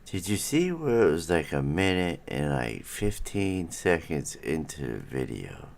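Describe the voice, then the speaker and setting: A middle-aged man hosts a casual live stream from home, rambling as he chats with viewers through a stuffy nose. His very deep, gravelly voice has a sing-song quality and moves a little slowly.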